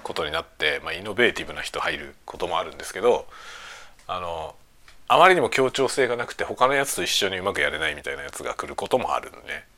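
A man in middle age with a low but bright voice. He talks casually over lunch preparation, in loose, rambling colloquial sentences, and his intonation swings widely as he goes. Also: expressive. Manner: rambling and colloquial, drawn-out sentence-ending tags. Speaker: streamer. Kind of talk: casual lunch-break chat while preparing food.

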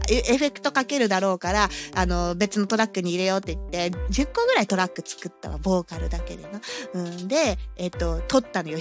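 A woman hosting a casual solo audio talk, chatty and laughing often as she tells a story. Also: a little high. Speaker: podcast host and hobby musician.

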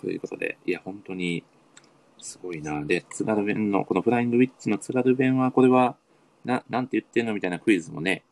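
A man's voice: fairly low pitch, fast, darkish tone. A man hosting a casual online radio chat, eager and full of admiring interjections. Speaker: podcast host.

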